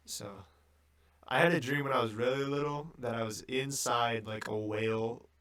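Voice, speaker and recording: A man's voice: mid-range voice, normal speed, slight background noise. Rambling young man in casual chat. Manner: rambling, filler-heavy, loose and animated. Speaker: podcast co-host.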